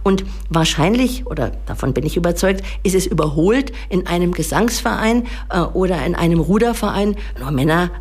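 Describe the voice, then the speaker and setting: Eine Frau gibt als Juristin ein Interviewstatement, überlegt und mit zögernder Formulierung. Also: female voice, fairly low pitch, expressive, normal speed, hardly any pauses, a little mellow, breathy edge. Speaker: interviewed lawyer, association chair. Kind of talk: spoken interview statement.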